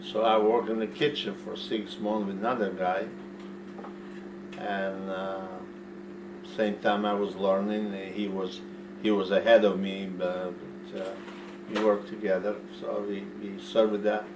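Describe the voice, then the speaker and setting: Older Polish-accented male interviewee, slow and halting, low voice, recorded far from the mic. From Poland. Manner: halting, repeats words, broken English. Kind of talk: casual reminiscing interview. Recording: roomy, far from mic, noisy.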